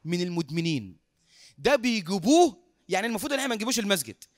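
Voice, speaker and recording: Fast-talking Egyptian preacher, high voice. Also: male voice, dry recording, studio quality. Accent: Egyptian Arabic. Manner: animated storyteller, acts out dialogue, laughs often. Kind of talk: sermon storytelling.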